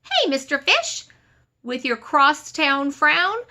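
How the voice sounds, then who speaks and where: A woman's voice: high-pitched, sing-song, slow pace, sharp tone, pitched above the performer's own voice, heavily acted. A woman voicing a cheerful, grinning female clam in a storybook, upbeat and coaxing.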